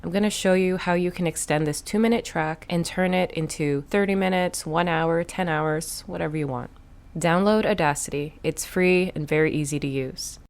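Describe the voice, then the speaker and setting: A woman hosting a step-by-step software tutorial, explaining each click in a plain, instructive way. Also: on the low side, moderate pace. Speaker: tutorial host.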